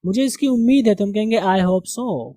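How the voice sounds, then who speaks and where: Man slowly drilling pronunciation, dry sound. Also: sits high, dark tone, no echo. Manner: slow, deliberate drilling of word pronunciation. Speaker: English teacher. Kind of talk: classroom lesson.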